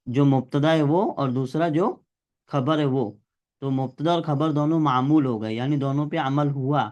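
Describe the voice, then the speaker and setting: A man's voice: fairly high pitch, darkish tone. A male teacher giving a classroom grammar lesson, explaining step by step and quizzing his students.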